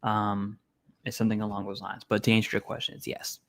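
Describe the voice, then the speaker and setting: A man's voice: fairly low pitch, monotone, a little fast, vocal fry. A man hosting a casual live Q&A stream, reading viewer questions aloud and answering bluntly and informally. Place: home setup, eating while streaming.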